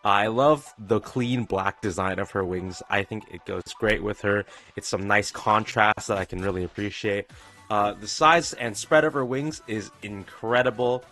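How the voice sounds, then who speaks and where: A man narrating a tier-list video in a pitched-up voice, stumbling and repeating phrases as he goes. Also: pushed and bright. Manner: halting, repeats phrases and stumbles over words. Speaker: streamer. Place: pre-recorded video played on stream. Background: faint background music.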